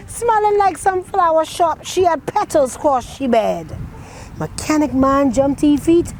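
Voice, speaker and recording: A woman's voice: high-pitched, darkish tone, a little hiss or hum, rough recording. A woman from the Bahamas with a Bahamian accent, a poet who recites dialect poetry and talks about her writing in a rhythmic storytelling way.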